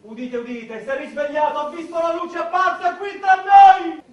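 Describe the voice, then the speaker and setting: An actor playing an obsequious royal herald in absurdist stage comedy, proclaiming like a town crier. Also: male voice, extremely high pitch, steady tone, dull audio. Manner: town crier style proclaiming, loud drawn-out announcements. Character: obsequious male herald and courtier to a king. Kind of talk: absurdist comic stage theatre. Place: theatre stage with audience. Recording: very echoey theatre, far from mic, faint noise.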